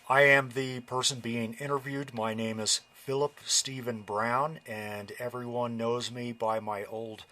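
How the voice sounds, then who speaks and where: Man, late 50s, unhurried oral-history storyteller, bright tone. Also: medium pitch, flat delivery. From New York and Connecticut, USA. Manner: slow, reflective storytelling with many uh fillers. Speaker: interviewee.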